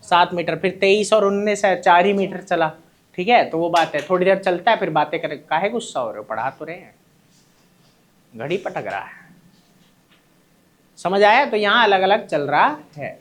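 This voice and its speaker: Animated and moderately paced, a male teacher with a high-sitting voice lectures his class. Short questions to the students keep coming, each answered by him, and he addresses them warmly as his children.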